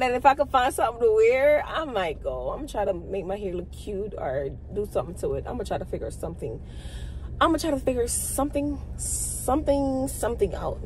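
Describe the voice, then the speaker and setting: A young adult woman, a new graduate nurse who vlogs casually, chats with her viewers from a car, calling them "y'all" in a chatty, informal way. Her voice is fairly high, the audio is poor, and faint road noise can be heard.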